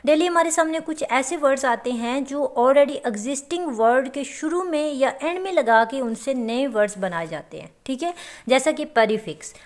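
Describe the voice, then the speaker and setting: A woman's voice: high-pitched, lively intonation. A woman teaching a lecture to students, explaining step by step and often checking that they follow. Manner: explains slowly with repeated check-ins.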